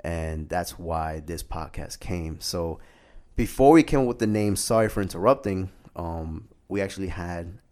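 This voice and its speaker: A man's voice: sits low, measured pace, few pauses, a little mellow. A man co-hosting a casual podcast, chatty and rambling, laughing easily as he talks. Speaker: podcast co-host. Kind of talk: casual chat.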